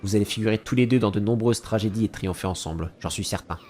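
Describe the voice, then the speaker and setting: A man's voice: fairly low pitch, fast, darkish tone, slight background noise, lightly acted. Grimm, a man reading as a grandiose troupe master. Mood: theatrical. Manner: grandiose, theatrical reading of game dialogue. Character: suave theatrical insect troupe master.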